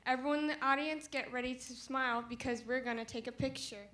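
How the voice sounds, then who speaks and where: A woman's voice: high voice, steady tone, fairly quick, sharp tone. A young woman playing a friendly talking camera in a student stage skit, upbeat and addressing the audience. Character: friendly female camera gadget.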